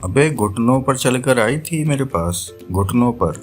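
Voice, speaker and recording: A casual wisecracker, as a male narrator puts him on, giving his comebacks in a plain chatty voice. His pitch is mid-range. A soft music bed sits faintly underneath. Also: lively intonation, measured pace, natural voice. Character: Banta, wisecracking adult male friend. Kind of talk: read-aloud joke dialogue.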